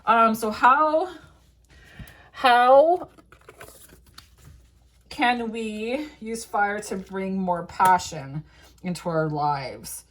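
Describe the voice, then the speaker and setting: A young woman reads tarot cards in a loose, casual way. She rambles through a lot of fillers and restarts, and her voice sits at an ordinary middle pitch for a woman. She drops in a swear word now and then and laughs easily between the cards. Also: slow, a bit bright. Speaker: tarot reader.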